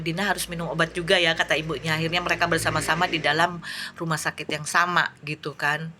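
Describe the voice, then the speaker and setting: Bright-voiced woman, rambling review. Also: on the low side. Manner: rambling, searching for words with many restarts. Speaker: host reviewing a film. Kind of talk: casual spoken review with religious reflection.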